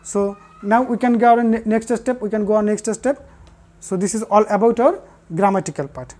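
A woman teaching a class, repeating the key answers and pausing with fillers. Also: medium pitch, mellow. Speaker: English teacher. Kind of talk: recorded classroom lesson.

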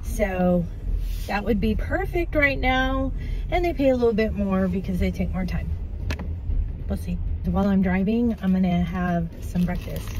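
A woman's voice: mid-range voice, unhurried, dark tone, a little hiss or hum, poor audio. Chatty older woman vlogging from her car. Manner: chatty and easygoing, talking to the phone camera. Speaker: gig worker vlogger. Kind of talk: casual vlog chat. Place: inside a car on a rainy day. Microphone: phone camera on dashboard.

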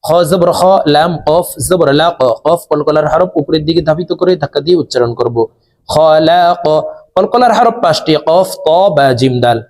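A man with a slightly high voice leads a recitation lesson. He spells out each letter with its vowel mark in a calm, measured way, then chants whole words slowly with the long vowels drawn out. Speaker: Quran recitation teacher.

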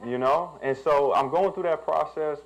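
A man's voice: fairly high pitch, normal speed, rough recording. A young man, a pastor telling a personal story in a sermon and building to emphatic preaching.

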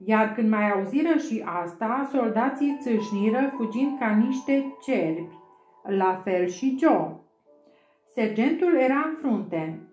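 A woman's voice: fairly high pitch, lively intonation, a little mellow. Woman narrating an audiobook. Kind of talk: scripted narration. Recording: roomy echo, faint music.

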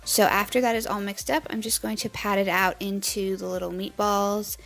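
A young woman casually narrates her cooking, one step after another, in a relaxed and easygoing way. Her voice sits at an ordinary middle pitch with a gravelly texture. Soft music plays faintly beneath her. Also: moderate pace, poor audio. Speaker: cooking vlogger. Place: home kitchen.

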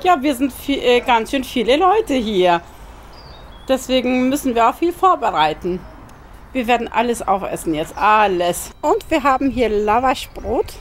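A woman's voice: fairly high pitch, big pitch swings, a little slow, slight background noise. A woman in her thirties with a Turkish accent, chatting through a home cooking vlog and explaining each step as she goes. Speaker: cooking channel host. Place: home kitchen and garden barbecue.

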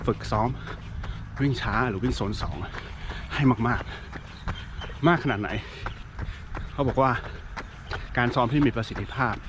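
A man's voice: mid-range voice, measured pace, pauses often. A man giving a casual explanation while running outdoors, speaking in short broken phrases. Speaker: running coach-style vlogger explaining training. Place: outdoors, on the move. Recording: noisy outdoor recording with traffic and ambience.

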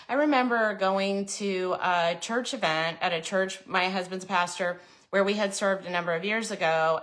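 A woman in her forties hosting a casual live video from her kitchen, chatty and filling pauses with frequent "um"s. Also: fairly low pitch, pushed and bright. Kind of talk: casual live-stream chat. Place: home kitchen, indoors. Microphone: phone camera held close.

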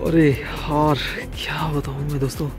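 A man vlogging from a hotel balcony in the snowy mountains, excited and chatty, slipping English phrases into his talk and coughing now and then. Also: on the high side, measured pace, music in the background. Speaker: travel vlogger. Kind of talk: casual vlog narration.

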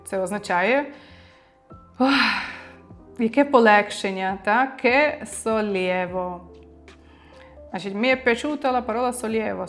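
A woman giving a chatty, playful online language lesson as the teacher, encouraging her students to repeat words aloud. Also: fairly high pitch.

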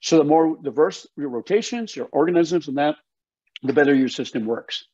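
Fairly high-pitched and slightly rough, a bit mellow, with lively intonation at a moderate pace, this older man joins a video call as a guest soil health educator. Speaking indoors from his home office, he explains with folksy, emphatic passion, and the audio is slightly dull.

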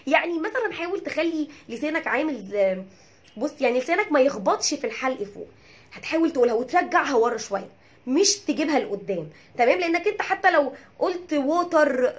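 A woman with an Egyptian Arabic accent teaching English pronunciation, drilling each word by repeating it and checking in with her listeners. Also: sits high. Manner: checks in with "tamam?". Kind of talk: pronunciation lesson.

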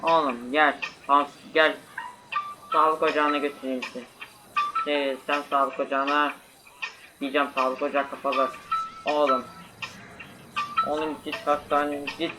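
Man doing a bragging dad, slow and lecturing, amateur short, music under. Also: a little high, little pitch movement, lightly acted, poor audio. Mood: soothing. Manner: lecturing, soothing. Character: boastful middle-aged father, calm and dismissive. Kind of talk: amateur short film acting.

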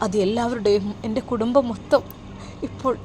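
A woman voicing an anxious, ashamed middle-aged male worker who speaks in a halting, subdued way. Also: fairly high pitch, steady tone, dark tone, a little hiss or hum, close to an everyday voice. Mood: ashamed hesitant.

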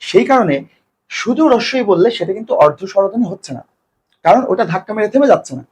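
A man teaching an exam-prep grammar lesson, explaining step by step, asking questions and answering them himself, and drawing out example words slowly. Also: sits high, expressive, a little mellow, slightly rough.

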